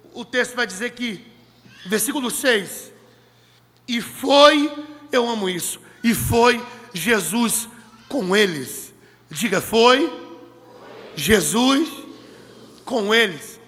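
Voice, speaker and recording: High, bright-voiced male preacher in a hall. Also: animated, slow, long pauses. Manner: emphatic, repeats key phrases for the congregation. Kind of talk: sermon. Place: church meeting hall. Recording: long echoey hall reverb.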